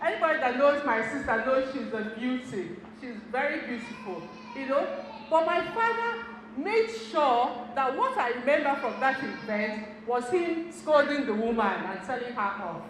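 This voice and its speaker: In a noisy, heavily echoing community center hall, a middle-aged Igbo woman delivers a motivational talk to a seminar audience. Her high-sitting voice is animated and moderately paced. She tells stories, speaks right to the listeners, and laughs often.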